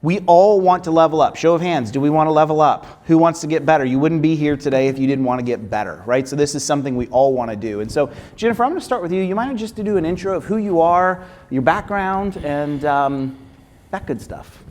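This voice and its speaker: A man's voice: on the high side, lively intonation, fairly quick, a little mellow. An enthusiastic man hosts a conference panel, talking to the crowd in an upbeat, conversational way. His voice carries a long reverb from a big hall. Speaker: panel moderator.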